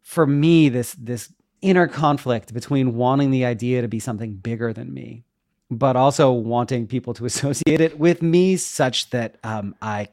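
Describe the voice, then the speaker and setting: With vocal fry and a darkish, medium-pitched tone, a man speaks in studio-quality audio without any room sound. A middle-aged guest on a podcast, he's a web developer and educator who answers interview questions thoughtfully, hesitating and second-guessing himself.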